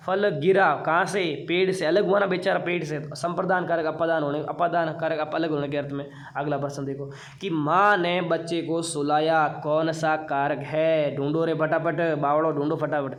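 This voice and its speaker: A man's voice: on the high side, steady tone, moderate pace, few pauses. A young man teaching an online exam-prep class in a playful, teasing way, asking questions and answering them himself.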